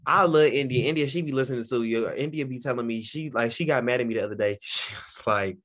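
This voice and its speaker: Animated slangy podcast co-host, man. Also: medium pitch, quick pace. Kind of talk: casual chat.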